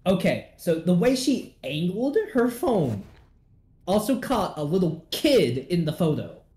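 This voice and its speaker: A young adult streamer tells a story in an animated, casual chat, acting out the people in it mid-story. The voice is mid-range and unhurried, recorded in an echoey room with faint noise.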